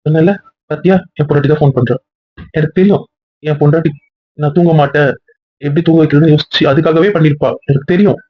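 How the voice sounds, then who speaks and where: A man acting an upset husband in a family web series, talking quickly and earnestly. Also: a little high, steady tone, lo-fi sound, a little hiss or hum.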